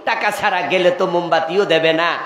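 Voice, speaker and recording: A man's voice: sits high, steady tone, a little fast, a bit bright, roomy sound, in a large hall. A man voicing a fussy, worried old village man who frets and then argues stubbornly. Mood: fretting. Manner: fretful, then stubbornly indignant.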